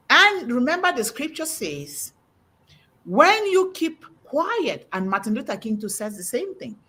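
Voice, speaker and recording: The host, a middle-aged woman with a fairly bright voice on the high side, leads a panel talk. Her message is emphatic and sermon-like, and she quotes scripture with mounting emphasis.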